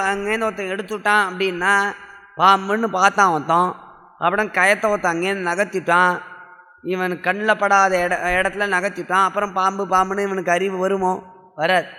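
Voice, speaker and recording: A man's voice: high-pitched, sharp tone, big-room sound. A man giving a spiritual discourse on a scripture, explaining patiently with rhetorical questions and quoting classical verses. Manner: quotes verses in a classical language. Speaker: scripture lecturer. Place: lecture hall of a religious society.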